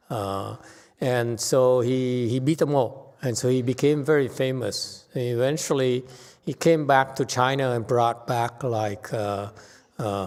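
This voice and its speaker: Slow, halting male teacher in reverberant hall. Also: mid-range voice, darkish tone. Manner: halting, searching for words. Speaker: Buddhist teacher and commentator. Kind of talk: informal explanatory lecture. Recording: long reverberant hall sound.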